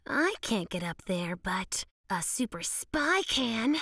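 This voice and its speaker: A woman's voice: high voice, takes it slowly, over loud music. A woman voicing an eager, flustered young female yeti in a cartoon, talking to herself and sighing. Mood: frustrated. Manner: animated, sighing, talks to herself. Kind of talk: cartoon voice acting.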